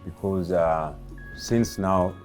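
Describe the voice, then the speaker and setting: A man in his fifties, raised in Kenya, answering interview questions about his son in a slow, halting way with many pauses and fillers. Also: deep voice, steady tone, faint music behind. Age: 50s. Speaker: interviewee, father of the late comedian.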